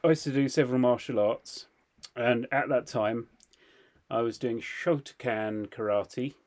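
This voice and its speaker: A man co-hosting a podcast, telling a story in casual chat, animated and laughing often. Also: medium pitch, a little slow. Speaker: podcast co-host.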